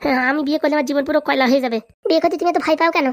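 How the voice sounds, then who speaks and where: A woman performing a comic sketch, trading rapid, bickering banter. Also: high voice, fairly even intonation.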